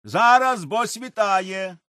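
A man voicing a harsh serf overseer who bellows drawn-out orders at a cottage door in a storybook reading. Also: high-pitched, animated, pushed and bright, no echo, studio quality, voice pushed up, full character voice. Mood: barking orders.

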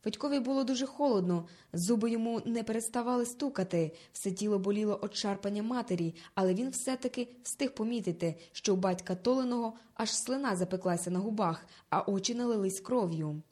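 A woman narrating a children's story in a lively, dramatic reading style. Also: mid-range voice, brisk, hardly any pauses.

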